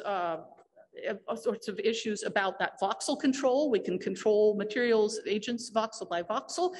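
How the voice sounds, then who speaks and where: A woman speaks at a technical conference, walking through engineering problems. She explains patiently, often pausing on fillers and restarting her sentences. Her voice sits at a middle pitch. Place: lecture hall.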